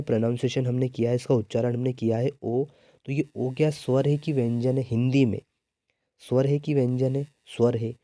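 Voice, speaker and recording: A male teacher with a Hindi accent walks students through exam grammar questions, constantly asking "what comes here?" and answering himself. His voice is deeply mellow and warm, recorded dry and close with almost no room sound. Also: no echo. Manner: repetitive call-and-response questioning. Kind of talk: exam-prep grammar lesson.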